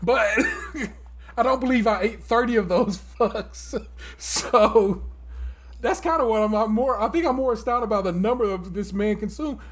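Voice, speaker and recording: A man co-hosting a casual podcast, talking in an animated way, laughing often and swearing freely. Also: high-pitched, unhurried. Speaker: podcast co-host.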